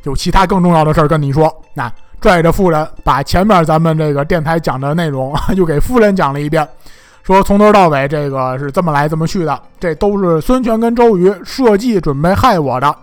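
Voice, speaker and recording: A man's voice: a little high, a little fast, soft background music. A man telling a classic tale in a chatty, joking style with frequent asides. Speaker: storyteller. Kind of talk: comic storytelling of a classic tale.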